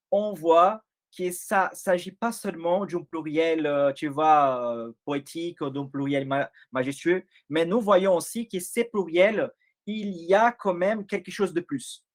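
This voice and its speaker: A man with a non-native accent leading an informal Bible study, explaining step by step and often checking that his listeners follow. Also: high voice.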